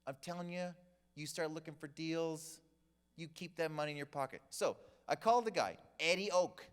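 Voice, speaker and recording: Animated male storyteller in a reverberant hall. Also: on the high side, moderate pace, clean tone. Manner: animated storyteller, acts out quoted people. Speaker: church class teacher. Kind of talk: humorous teaching talk to a group. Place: church hall.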